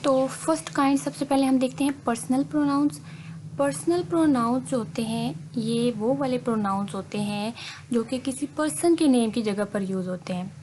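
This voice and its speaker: A woman's voice: high-pitched, moderate pace, a little mellow, slight background noise. A woman explaining English grammar over slides in a patient, step-by-step lesson, mixing English words into her talk. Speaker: English teacher.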